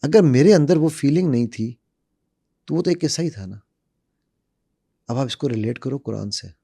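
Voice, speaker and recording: A man in middle age lays out how to speak in public, teaching patiently through demonstrations and repeated examples. His voice is mellow and dark, recorded dry and close with no room sound. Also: mid-range voice, expressive, normal speed, gravelly, slightly rough, no echo. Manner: demonstrative, uses repetition and acted examples. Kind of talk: animated explanatory talk.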